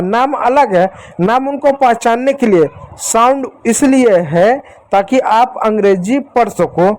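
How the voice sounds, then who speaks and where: A male teacher patiently explaining a lesson to children, repeating reminders and slowing down to sound out example words. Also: sits high, a little mellow, poor audio. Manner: slows down to spell out example words.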